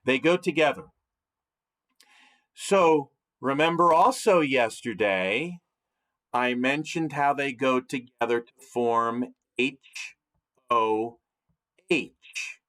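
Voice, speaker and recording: A man teaching a chemistry lesson to his students, walking them through the notes deliberately and stopping often to ask them questions. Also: mid-range voice, expressive, a bit bright. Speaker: science teacher. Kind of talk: recorded classroom lecture.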